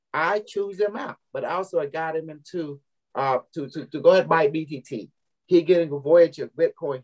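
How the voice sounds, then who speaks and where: A man's voice: fairly high pitch, poor audio. A man with a Cambodian accent and non-native English talking casually to his followers as a trainer, often repeating words and using loose grammar. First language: Khmer. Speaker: trainer and group leader. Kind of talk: casual live talk to followers.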